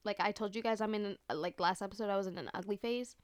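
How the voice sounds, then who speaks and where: A young woman chats alone into the mic like a podcast host, in a dry, close recording with no room sound. Her pitch sits in the middle for a woman. She talks in loose, slangy, profane sentences full of filler words and leans hard on exaggerated emphasis. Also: steady tone, quick pace, no echo. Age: young adult. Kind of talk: casual solo chatty monologue.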